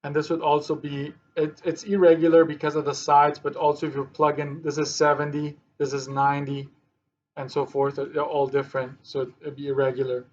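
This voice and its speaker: A male math teacher working through problems in a class lesson, thinking aloud slowly, with dry sarcastic asides. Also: on the high side, little pitch movement, lo-fi sound.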